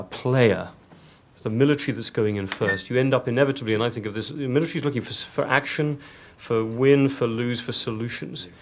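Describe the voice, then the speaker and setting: Rambling male panel chair. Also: mid-range voice. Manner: rambling, thinks aloud with fillers. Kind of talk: moderating a panel discussion. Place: conference room.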